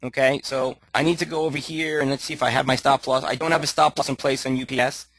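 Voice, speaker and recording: A man's voice: mid-range voice, fairly even intonation, fast talker, a bit bright, no room sound. Dry-voiced man talking through trades. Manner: thinks aloud with many fillers and restarts. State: losing his voice. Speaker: trading coach. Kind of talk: live screen-share trading tutorial.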